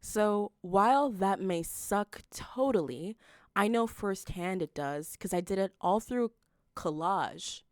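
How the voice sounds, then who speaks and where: A woman's voice: mid-range voice, lively intonation, no echo, studio quality. A woman streamer reading posts aloud and commenting casually, reacting with disbelief. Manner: unhurried, reacts with disbelief and exclamations.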